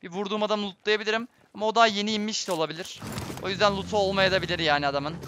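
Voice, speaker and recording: A man's voice: high-pitched, very fast, noisy background. A young man commenting live on his own gameplay for viewers, muttering his plans and then bursting out in frustration. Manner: excitable, swings between muttering and frustrated outbursts; addresses viewers constantly. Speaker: gaming streamer.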